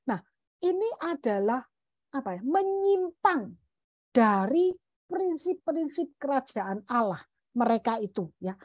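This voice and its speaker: A woman's voice: a little high, dry recording. A middle-aged woman giving an informal talk to parents at a parenting seminar, speaking expressively and addressing the audience directly.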